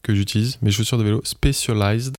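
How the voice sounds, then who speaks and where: Low-key man giving gear tips, dry mic. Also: brisk, dry recording. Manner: relaxed and matter-of-fact, gives gear tips. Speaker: podcast co-host. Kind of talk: casual podcast chat.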